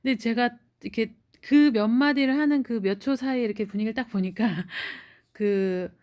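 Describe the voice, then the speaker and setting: A woman's voice: on the high side, normal speed, a little mellow. A woman in her forties from South Korea tells her job-hunting story in a casual vlog, chatty and encouraging, with lots of filler words. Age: 40s. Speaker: immigrant sharing a job-hunt story.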